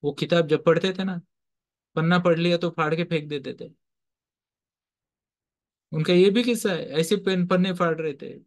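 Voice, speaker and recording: Male teacher-counsellor, slightly high voice, motivational storyteller who quizzes his class and code-switches between Hindi and English. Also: moderate pace, pauses often. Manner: quizzes listeners with repeated questions; mixes Hindi with English phrases.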